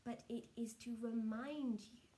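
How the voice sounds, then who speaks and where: A woman plays a seance medium in a trance, channelling spirits and passing along their messages in short, halting phrases. Her delivery is solemn and measured, and her voice is a little high, steady and mellow.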